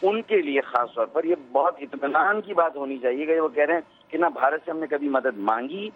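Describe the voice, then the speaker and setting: A man's voice: on the high side, slight background noise. A male politician on a phone line, arguing his point insistently and talking over the host.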